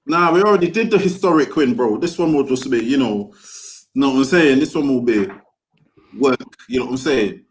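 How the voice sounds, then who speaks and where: A man's voice: medium pitch, expressive, fairly quick. Slangy London roadman man, opinionated co-host. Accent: London, roadman-style street slang. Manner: slangy, opinionated, repeats tag phrases like a street chat. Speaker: podcast co-host. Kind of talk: casual football fan banter.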